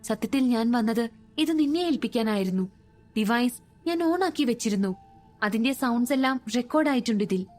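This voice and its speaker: A woman voicing a calm, middle-aged male ghost investigator who explains things in a measured way, in a storybook reading. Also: a little high, faint music behind, natural voice. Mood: earnest, explaining.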